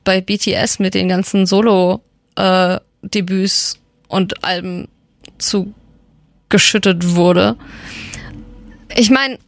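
A woman's voice: medium pitch, no echo. A young woman radio host, chatting casually and enthusiastically as a fan, with many fillers. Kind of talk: casual radio chat about K-pop.

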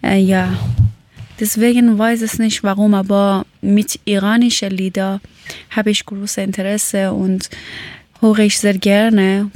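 Slow, hesitant woman from Iran. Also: mid-range voice, flat delivery, darkish tone, no echo. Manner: hesitant, searching for words. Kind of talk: casual talk in learner German.

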